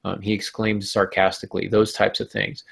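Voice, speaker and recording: A man's voice: on the low side, completely flat delivery, moderate pace, vocal fry, fairly bright tone, breathy edge. A man hosting a podcast, explaining writing craft in a casual, wry way. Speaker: podcast host.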